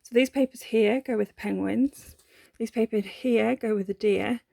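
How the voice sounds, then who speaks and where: Uk woman rambling through a craft haul, gravelly voice, lots of ums, dry close sound. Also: a little high, steady tone, moderate pace, mellow, no room sound. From United Kingdom. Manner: chatty and gushing, with many ums and self-corrections. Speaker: papercraft vlogger. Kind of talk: casual unboxing chat.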